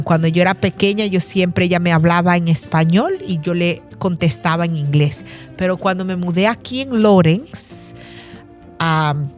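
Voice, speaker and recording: A young woman from Massachusetts giving an interview, speaking thoughtfully with many fillers and restarts. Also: on the low side. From Massachusetts, USA. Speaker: guest. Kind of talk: conversational interview.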